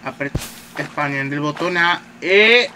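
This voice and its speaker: A man's voice: a little high, expressive, unhurried, background noise. A man giving casual gameplay commentary, chatty, peppering his talk with a filler word and swearing at enemies. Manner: chatty, says "tío" constantly, swears at enemies. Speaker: gamer. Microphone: phone mic.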